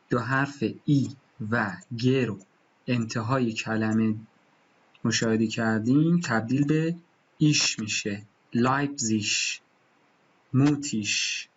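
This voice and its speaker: A man teaching German pronunciation, patiently repeating each example word slowly. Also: mid-range voice, muffled recording, a little hiss or hum. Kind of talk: pronunciation lesson.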